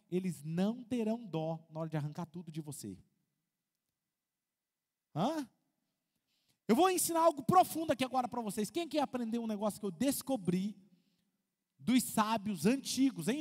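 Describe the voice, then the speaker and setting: A man with a Brazilian Portuguese accent, preaching an animated sermon as pastor, asking the congregation questions and acting out quotes. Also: sits high, normal speed, long pauses. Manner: lively, asks the congregation questions, acts out quotes. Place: large church hall. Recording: long hall reverb.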